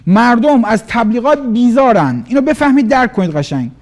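A man giving an animated motivational business talk, acting out little dialogues in different voices. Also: very high voice. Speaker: business trainer.

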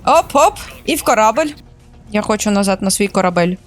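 A woman streamer chatting casually while playing a shooter for the first time, excitable, squealing and laughing at surprises. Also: medium pitch, fast, faint music behind. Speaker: gaming streamer. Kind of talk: casual let's-play commentary.

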